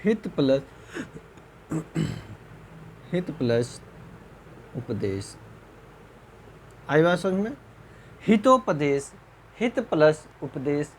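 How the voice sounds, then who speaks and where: Slow, deliberate male Hindi teacher. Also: fairly high pitch, expressive, slight background noise. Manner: slow, repetitive, checks understanding with rhetorical questions; clears throat often. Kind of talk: recorded exam-prep lecture.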